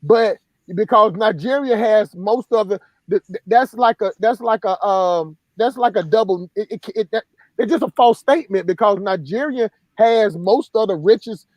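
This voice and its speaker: A man's voice: high-pitched, normal speed, a little mellow, no echo. A man hosting a casual live stream, rambling with many restarts. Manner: rambling, many restarts and "you know what I'm saying".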